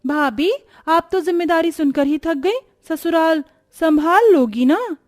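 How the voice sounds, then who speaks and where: A woman voicing a sharp-tongued young sister-in-law in a cartoon, teasing and tattling. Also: very high voice, a little slow, pitched above the performer's own voice. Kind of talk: Hindi cartoon voice acting.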